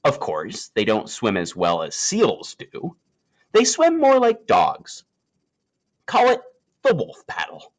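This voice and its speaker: Reading a nature story meant for children, this man uses a mid-range voice. He leans into emphatic, expressive delivery and lets dramatic pauses hang.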